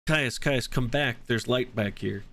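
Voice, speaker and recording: A man's voice: mid-range voice, measured pace, fairly bright tone. A man chatting casually as a player in a tabletop role-playing game.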